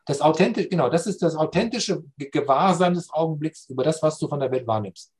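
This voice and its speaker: A man explaining spiritual and philosophical ideas in a slow, reflective conversation, often checking understanding with "ja?". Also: fairly high pitch, expressive, a little mellow.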